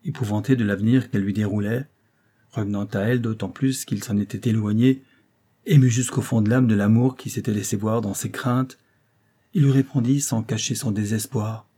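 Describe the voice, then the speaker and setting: A man reading a romantic tale aloud as an expressive audiobook narrator, lifting his voice for the dialogue. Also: fairly low pitch, normal speed, slightly rough.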